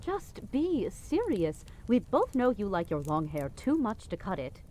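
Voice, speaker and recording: Medium-pitched and warm, this woman's voice swoops wildly and never hurries as she acts in an audio drama podcast. Her character is a haughty middle-aged queen and guilt-tripping mother, exasperated and cajoling, imperious and dismissive by turns, sighing in exasperation.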